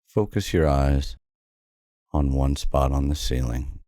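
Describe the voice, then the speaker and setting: In studio-quality audio with no room sound, a man of extremely low pitch leads a guided sleep hypnosis. He keeps it soothing, calm and slow, pausing at length.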